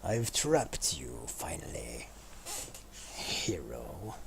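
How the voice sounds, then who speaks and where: Gloating trickster villain played by a male streamer, deep, mock-sinister, noisy background. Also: sing-song, extremely slow, full character voice. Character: gloating villain springing a trap. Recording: clear background noise.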